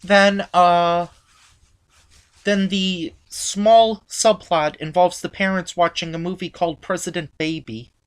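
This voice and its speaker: A woman with a slightly low voice hosts a casual review chat about a TV episode. She recaps the plot in halting bits, often restarting her sentences. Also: steady tone, smooth. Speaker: podcast host.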